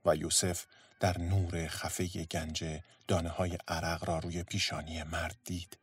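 A man narrating a story in a steady, measured storytelling voice. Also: low voice, slightly rough, soft background music.

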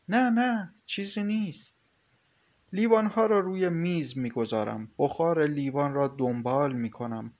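A man narrating a first-person story in a calm, measured way. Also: medium pitch. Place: recording studio. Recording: slightly muffled studio recording with soft music.

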